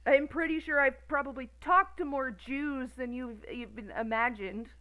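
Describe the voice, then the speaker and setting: A woman's voice: sits high, moderate pace, bright, forceful tone, rough recording. Sweary, sarcastic woman in her thirties. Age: 30s. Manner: profane, sarcastic, exasperated. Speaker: streamer. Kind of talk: casual ranting commentary.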